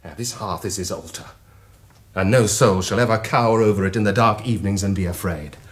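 An actor playing a defiant, sardonic rebel son in a stage drama, declaiming solemnly as if swearing an oath. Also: male voice, on the low side, fairly quick, lightly acted. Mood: solemn, fervent. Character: defiant, sardonic rebel son, self-styled devil's disciple. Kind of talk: theatrical stage-drama acting.

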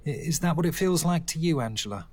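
A man's voice: a little high, expressive, fast talker, breathy edge. An actor playing a patient, soothing grown son talking to his confused mother in a naturalistic audio drama.

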